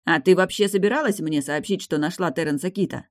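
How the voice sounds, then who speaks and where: A woman reading an audiobook, voicing a tense, protective young man who presses his point forcefully. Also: fairly low pitch, fairly quick, no echo, studio quality, lightly acted. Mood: angry.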